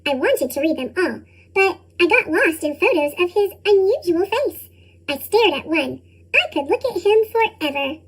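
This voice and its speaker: Squeaky cartoon chipmunk narrator reading a kids book, super high pitched up voice. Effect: pitched-up chipmunk effect. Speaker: storybook narrator. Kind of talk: scripted children's storybook narration.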